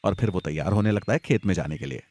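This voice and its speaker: A man narrating a Hindi horror audio story in a steady, suspenseful storytelling manner. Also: low-pitched, fast. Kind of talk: scripted storytelling. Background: faint music and crickets.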